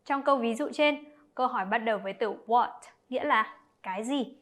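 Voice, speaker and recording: A woman explaining an English lesson to children, talking to her pupils directly and clearly. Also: a little high, brisk, fairly bright tone.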